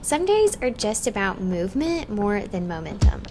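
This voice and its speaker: A woman's voice: medium pitch, big pitch swings, normal speed, very noisy. A woman hosting a vlog, talking in a casual, conversational style. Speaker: vlog host. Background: music.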